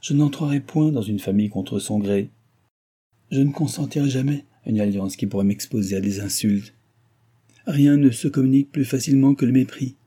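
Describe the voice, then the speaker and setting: A man's voice: medium pitch, moderate pace, dark tone, slightly rough, lightly acted. A man voicing a proud young woman who answers with firm indignation and reproach. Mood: reproachful.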